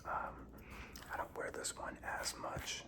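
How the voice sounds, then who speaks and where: A young man telling casual stories as an ASMR host in a breathy, halting whisper while chewing gum. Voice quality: breathy whisper with some creak.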